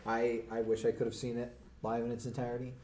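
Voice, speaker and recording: A man's voice: mid-range voice, monotone, fast talker. A man co-hosting a casual podcast chat, stating his opinions emphatically. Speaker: podcast co-host.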